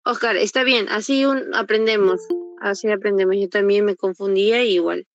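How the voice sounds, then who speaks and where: A woman's voice: mid-range voice, fairly even intonation, normal speed, muffled recording, soft background music. A woman teacher giving an online class, patiently sounding out example words and quizzing her students. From Peru. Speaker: university entrance prep teacher. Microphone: computer mic on a video call.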